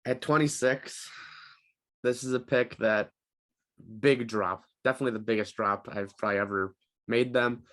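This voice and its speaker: A man's voice: mid-range voice, fairly even intonation, normal speed, a bit bright. Laid-back young man, casual sports chat. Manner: laid-back, frequent ums and laughs. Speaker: podcast co-host.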